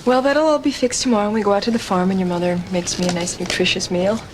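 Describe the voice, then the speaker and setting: An actress playing an anxious young wife in a daytime soap, heard from an old VHS tape recording. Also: female voice, mid-range voice, expressive, quick pace, a little hiss or hum, poor audio. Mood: uneasy. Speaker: soap opera character.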